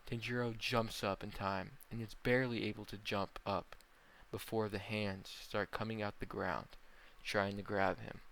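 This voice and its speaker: Young man, fan fiction narrator, low gravelly voice, bright tone, plain halting reading. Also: level tone, rough recording.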